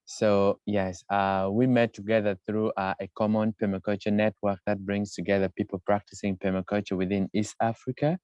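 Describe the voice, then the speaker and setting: A man from Uganda, speaking in a measured way with many pauses on a video call. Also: on the low side, little pitch movement, darkish tone, clean tone, no echo. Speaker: permaculture project leader. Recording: dull, muffled video call audio.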